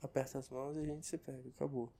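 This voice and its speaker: A man's voice: medium pitch, level tone, fast talker, creaky, warm tone. A young man with a Brazilian Portuguese accent, hosting a casual solo podcast in a rambling, profane and self-mocking way. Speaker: podcast host.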